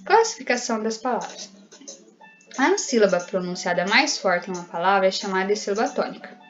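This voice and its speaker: Soft background music plays and the highs are cut off as a woman with a Brazilian Portuguese accent talks a little fast in an expressive, mid-range voice. She's a primary teacher going over exercises in a recorded remote lesson, explaining each step patiently and frequently asking "né?" and "certo?".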